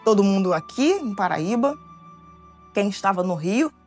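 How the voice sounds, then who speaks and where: A woman from Brazil giving an emotional, halting personal testimony for a documentary. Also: mid-range voice, very animated, a little mellow, soft background music. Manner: emotional, halting, reenacting what was said. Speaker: documentary interviewee.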